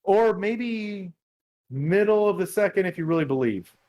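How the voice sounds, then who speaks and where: Male co-host, slightly high voice, blunt and opinionated, repeats his words. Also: animated, a little slow, darkish tone. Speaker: podcast co-host. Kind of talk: casual fantasy football chat.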